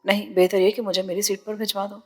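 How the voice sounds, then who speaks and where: A woman's voice: medium pitch, flat delivery, in a large hall, soft background music, natural voice. A woman voicing a worried, proud young woman in an audio novel, guarded and tight-lipped. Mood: tense.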